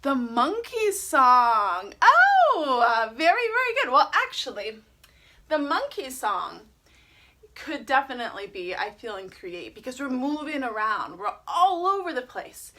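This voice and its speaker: A woman's voice: high voice, very animated, moderate pace, sharp tone. A woman teaching a live online yoga class for children, playful and encouraging, sometimes breaking into sing-song chants.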